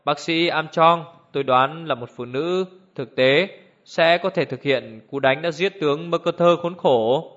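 A man's voice: a little high, a bit bright. A man reading a cold, exacting old judge. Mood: cold, deliberate. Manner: measured, icy authority. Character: cold, precise elderly male judge. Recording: dull lo-fi recording.

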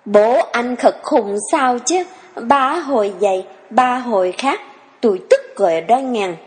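A woman's voice: high voice, expressive, a little mellow, in a large hall, pitched above the performer's own voice. A woman playing a sassy young farm girl. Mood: scolding. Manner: teasing, quick-tempered scolding. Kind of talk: audio drama reading.

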